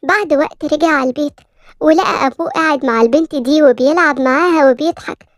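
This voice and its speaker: An Egyptian woman reads a cartoon story at a rapid clip, brisk and even. Her voice is high and the sound is close and dry. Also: dry recording. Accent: Egyptian Arabic. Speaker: narrator. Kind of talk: scripted story narration.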